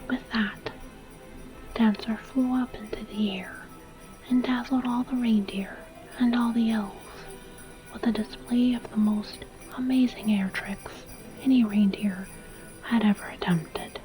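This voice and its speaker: A woman telling a scripted story as gentle, deliberate whispered ASMR narration. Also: a little high, steady tone, soft background music, poor audio.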